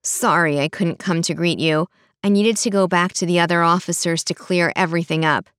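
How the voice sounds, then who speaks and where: A woman voicing a calm, measured male police officer in an audiobook. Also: lowish voice, smooth, dry recording, clean studio sound, close to an everyday voice.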